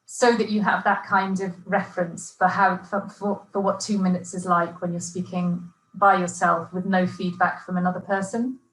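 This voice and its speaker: A woman presenting an exam-preparation webinar as a teacher trainer, chatty and encouraging, often pausing with fillers and restarting her sentences. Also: fairly low pitch, little pitch movement, fairly bright tone. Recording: echoey room.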